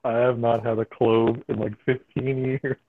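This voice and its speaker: A man's voice: mid-range voice, flat delivery, measured pace. A man on a call through a Bluetooth headset, his voice coming out glitchy and half robotic, chatting casually as a podcast co-host. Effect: glitchy half-robotic distorted voice. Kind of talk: casual chat. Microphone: Bluetooth headset on a remote call. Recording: tinny distorted headset line.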